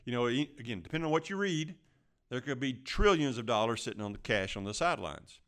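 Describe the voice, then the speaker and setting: Male financial podcast host, mid-pitched with noticeable vocal fry, plain-spoken and conversational. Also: lively intonation, fast, a bit bright. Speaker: financial advisor.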